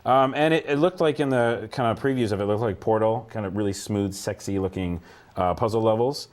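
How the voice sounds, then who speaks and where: A man's voice: fairly low pitch, fairly quick. A man co-hosting a casual games podcast, rambling with lots of fillers and frequent laughs. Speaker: podcast co-host. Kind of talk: casual chat.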